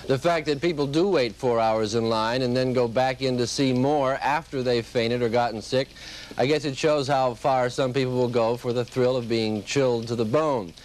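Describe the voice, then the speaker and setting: A man's voice: medium pitch, moderate pace, rough recording. A man working as a television news reporter, delivering a scripted report and asking questions, heard on a 1970s broadcast.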